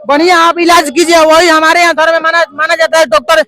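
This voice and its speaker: A man's voice: very high-pitched, level tone, fast talker, sharp tone, dry recording. A man being interviewed, arguing politics insistently and hammering his points with rhetorical questions. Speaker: party supporter being interviewed. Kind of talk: heated political argument.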